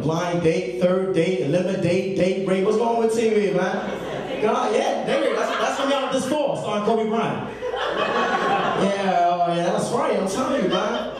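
High-voiced New male stand-up comic. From New York City. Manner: animated, slangy, addressing the audience. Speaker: stand-up comedian. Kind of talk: stand-up comedy. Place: small comedy club stage. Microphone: handheld stage mic, captured by far camera. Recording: echoey club far off, loud audience.

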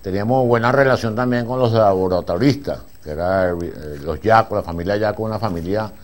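An older man with a Venezuelan accent, a film prop master rambling through animated anecdotes at a master class, with frequent restarts. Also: on the low side, fairly quick. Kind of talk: anecdotal storytelling to an audience.

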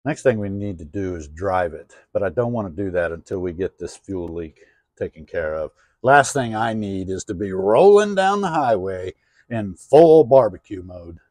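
This garage vlogger has a deep, slightly mellow voice with lively intonation and a moderate pace. Working on an old car outdoors, he keeps up a casual commentary to himself, full of dry jokes. His voice is recorded dry, but engine and ambient noise surround it.

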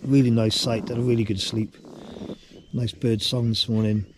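A middle-aged hiking vlogger chats casually to his camera in a video diary, outdoors on a trail and at a campsite. His mid-range voice has a level tone and moderate pace, and background noise is audible, picked up by an action camera at arm's length or close by.

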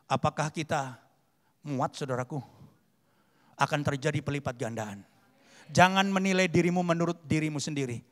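High-voiced pastor in a hall. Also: male voice. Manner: shifts from loud fervent preaching to low chatty asides. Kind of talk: sermon. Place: large convention hall. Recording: long hall reverb.

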